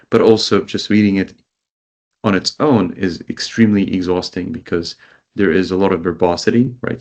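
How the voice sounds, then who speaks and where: A man who grew up in Israel, a company CEO, giving measured interview answers over a call and listing things one by one. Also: low-pitched, a little mellow, lo-fi sound. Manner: measured, lists items one by one.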